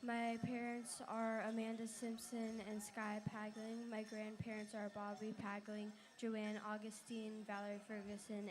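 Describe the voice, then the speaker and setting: An eleven-year-old girl giving a formal, memorized self-introduction as junior powwow royalty. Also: mid-range voice. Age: child, eleven.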